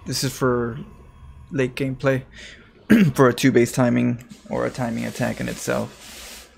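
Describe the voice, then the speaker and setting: A man commentates a competitive strategy match with a gravelly, creaky edge to his voice. He walks through build orders in an analytical way, with joking banter in between. His pitch sits in an ordinary middle range. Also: steady tone, unhurried, a little mellow, slight background noise. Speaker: esports caster. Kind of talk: live game commentary.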